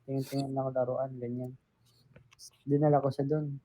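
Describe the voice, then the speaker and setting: A man's voice: mid-range voice, flat delivery, brisk, mellow. A young man from the Philippines hosting a casual live stream, telling a story with acted-out quotes, dropping English words in and laughing often.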